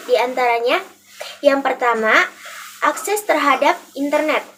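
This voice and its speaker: A teenage girl from Indonesia with a high voice gives a school video presentation. She reads her points in order from a script, and a faint hiss of noise runs underneath. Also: fairly bright tone. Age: teens. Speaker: vocational high school student.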